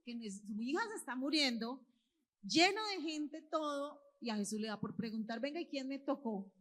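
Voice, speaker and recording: Brief: woman, somewhat high voice, lively storytelling preacher for kids and parents. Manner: expressive, quizzes the listeners. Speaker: children's church teacher. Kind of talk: storytelling sermon to families. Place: church hall with children present.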